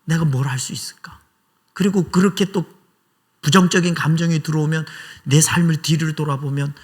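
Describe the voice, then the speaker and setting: A man's voice: a little high, vocal fry, slightly rough. A male pastor preaching a conversational, emotional sermon in a small church, acting out prayers aloud.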